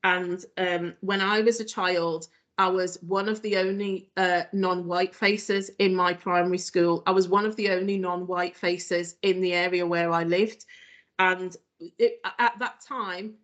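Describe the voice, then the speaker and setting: A woman's voice: fairly low pitch, steady tone, measured pace, fairly bright tone, dull audio. A woman from Northwest England with a Liverpool accent, giving an earnest, conversational online training talk with frequent ums. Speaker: anti-racism trainer.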